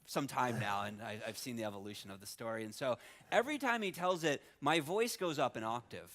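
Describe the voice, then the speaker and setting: A man's voice: mid-range voice, lively intonation, brisk, a bit bright. A man co-presenting at a live seminar, teasing his partner with joking banter on stage.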